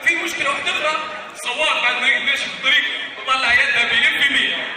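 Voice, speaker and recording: A Libyan man delivers an escalating stand-up comedy rant in a very high voice. He talks fast, repeating phrases and exclaiming. The recording is very echoey, as if from a hall. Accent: Libyan Arabic. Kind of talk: stand-up comedy routine to an audience. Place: live venue with audience. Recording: echoey hall, distant mic, noisy crowd.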